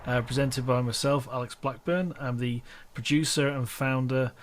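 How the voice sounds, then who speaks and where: A man's voice: medium pitch, little pitch movement, moderate pace. Guy hosting a chatty podcast, faint hiss behind him. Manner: friendly, prompting questions with fillers. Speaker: podcast host and producer. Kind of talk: casual chat.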